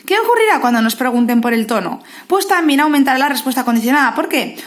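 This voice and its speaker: A woman with a Spain Spanish accent who tutors students through psychology notes, speaking directly to them and often checking in with "¿vale?". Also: high voice. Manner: lively, says "¿vale?" often, addresses students as "os". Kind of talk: explaining class notes.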